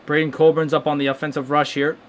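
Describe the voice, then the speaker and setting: A young man hosts a live hockey watchalong in a somewhat high voice. He talks casually, stumbling over restarts as he reacts in stunned disbelief. It sounds like a home streaming mic. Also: level tone, quick pace, slight background noise. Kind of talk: casual live game commentary.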